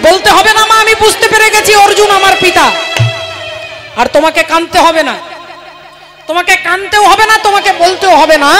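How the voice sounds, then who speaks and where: A woman's voice: very high voice, brisk, long pauses, voice pushed up. A woman voicing a young warrior prince who earnestly presses his mother for the truth, insisting again and again. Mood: resolute. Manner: insistent, repeating demands. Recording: live performance with loud music behind.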